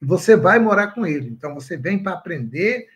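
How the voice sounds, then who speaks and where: A man's voice: high voice, lively intonation, a little fast, fairly bright tone, rough recording. A man, a pastor preaching a sermon on a livestream and asking his listeners questions.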